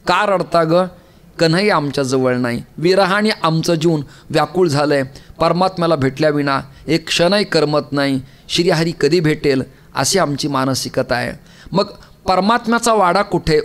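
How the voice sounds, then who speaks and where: A man with a high voice delivers a devotional kirtan sermon in a temple hall. He tells the story by acting out its characters' lines. On emphatic calls his pitch leaps steeply upward. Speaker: kirtan preacher.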